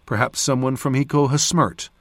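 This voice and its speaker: Male audiobook narrator, mid-pitched voice, steady first-person fantasy reading on a dry close mic. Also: no room sound. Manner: measured, steady storytelling.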